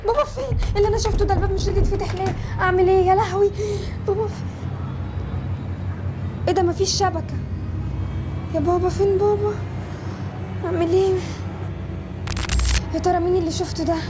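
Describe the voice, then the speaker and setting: A woman's voice: very high voice, fairly even intonation, quick pace, long pauses, noisy background. A woman with an Egyptian accent voicing a frightened young girl who pleads and panics, close to tears. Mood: terrified. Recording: loud background music.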